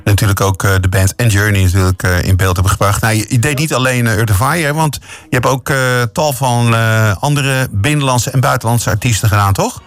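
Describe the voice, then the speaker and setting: A man's voice: medium pitch, steady tone, a little fast, fairly bright tone, soft background music. A middle-aged or older man casually presenting and interviewing as a radio host.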